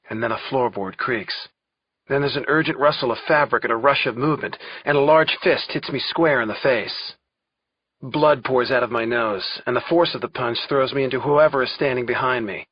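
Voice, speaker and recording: Male audiobook narrator, wry first-person thriller, husky, dull lo-fi sound. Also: mid-range voice, normal speed, dry recording. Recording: dull lo-fi recording.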